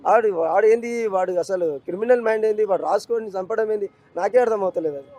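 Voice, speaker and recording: A man's voice: high-pitched, fairly quick, dark tone, soft background music. A middle-aged grieving father, speaking in an emotional street interview, pleading and repeating himself. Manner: grief-stricken, repetitive, pleading.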